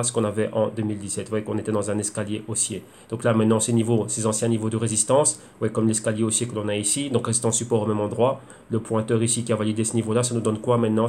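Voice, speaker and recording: A man's voice: medium pitch, a little mellow. A man walking viewers through trading charts, explaining levels and patterns and asking himself rhetorical questions. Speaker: crypto trading analyst. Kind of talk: screen-share chart analysis.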